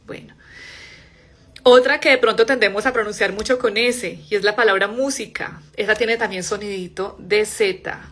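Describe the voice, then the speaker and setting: A woman's voice: mid-range voice, fairly even intonation. Spanish-speaking woman coaching English pronunciation. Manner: explains in Spanish, models English words slowly and softly. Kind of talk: live online pronunciation class.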